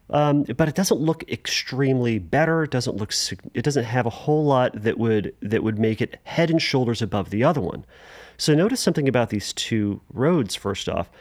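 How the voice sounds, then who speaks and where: Male podcast host, mid-pitched, casual and rambling with quick pitch jumps, dry close mic. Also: no room sound. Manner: conversational, many restarts and fillers, animated pitch jumps. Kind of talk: casual solo podcast talk.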